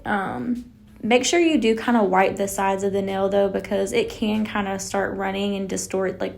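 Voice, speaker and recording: A woman's voice: mid-range voice, vocal fry, darkish tone. A young woman, talking through a nail tutorial in a casual, chatty way, full of "like" and "um". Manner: chatty, lots of "like" and "um" fillers. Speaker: nail technician.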